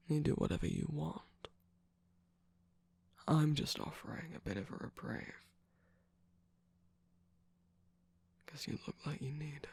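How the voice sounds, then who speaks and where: Soft and seductive in mood, a heavily acted mid-range voice with a darkish tone plays a villain's teasing, flirtatious male minion for a romantic ASMR roleplay. The delivery is husky, breathy, coy, and halting, often slipping into a whisper.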